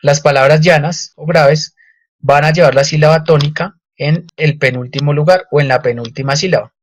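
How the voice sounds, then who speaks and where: A man's voice: a little high, fairly even intonation, moderate pace, slight background noise. A man with a Colombian accent teaching a grammar lesson, explaining patiently and often repeating words with fillers. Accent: Colombian Spanish. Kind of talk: online lecture with slides.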